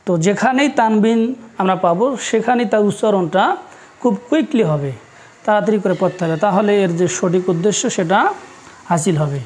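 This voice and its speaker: Slow, patient teacher. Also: male voice, sits high, a little mellow. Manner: slow, repeats rules and spells letters aloud. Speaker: Quran teacher. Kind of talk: step-by-step classroom lesson.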